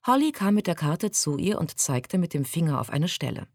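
A woman reading a storybook aloud as narrator, in a calm, expressive reading voice on a close mic. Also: low-pitched, normal speed, no echo.

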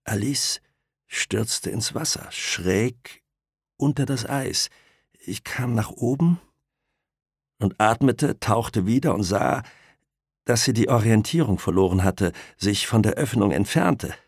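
Man doing a hushed, shaken survivor. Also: on the low side, animated, slow, vocal fry, slightly rough, dry recording, studio quality, pitched above the performer's own voice, exaggerated voice. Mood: broken. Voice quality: hushed, trembling. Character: dazed injured man, trembling and broken.

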